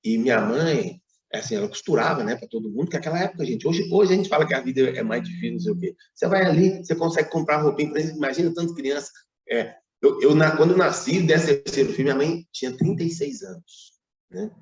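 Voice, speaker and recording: Brazilian guy giving a spiritist talk, a bit high voice, echoey muffled hall sound. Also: animated, fast. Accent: Brazilian Portuguese. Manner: storytelling with many tag questions. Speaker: spiritist lecturer. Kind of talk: public spiritist lecture. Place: lecture hall.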